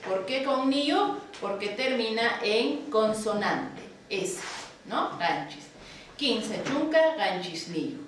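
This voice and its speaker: A woman teaching a language lesson, drilling numbers slowly and patiently and checking in with her students. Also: fairly high pitch, animated. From Bolivia. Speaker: Quechua teacher. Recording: roomy, echoey, distant from the mic with faint ambient noise.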